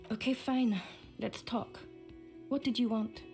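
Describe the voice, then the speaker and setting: A woman's voice: fairly high pitch, steady tone, unhurried, darkish tone, faint music behind. An actress voicing a reluctant female patrol officer in a video game, hesitant and evasive. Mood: reluctant, uneasy.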